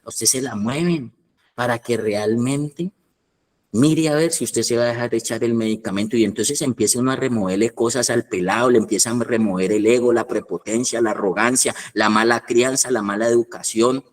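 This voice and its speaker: A man preaching in a blunt, everyday way, stacking short repeated phrases to drive each point home. His voice sits at a middling pitch for a man and he leans hard on his words. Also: normal speed. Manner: emphatic, repetitive, colloquial preaching. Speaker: apostle and head of a rehab foundation. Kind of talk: sermon.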